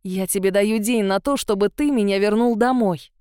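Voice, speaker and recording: A woman voicing a proud young female captive who shouts insults at her kidnapper. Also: medium pitch, moderate pace, clean tone, dry recording, clean studio sound, close to an everyday voice. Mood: defiant.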